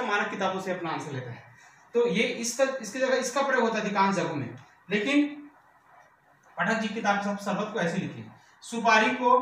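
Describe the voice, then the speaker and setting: High-voiced male teacher in an echoey room. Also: a bit bright, recorded from a distance, slight background noise. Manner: repeats words with rhetorical questions, checks "clear?". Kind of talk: exam-prep vocabulary lesson.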